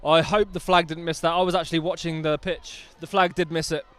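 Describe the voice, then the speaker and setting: A man's voice: fairly high pitch, little pitch movement, fairly quick, fairly bright tone, clean tone. A man doing live rugby commentary outdoors, chatty and enthusiastic with jokey asides.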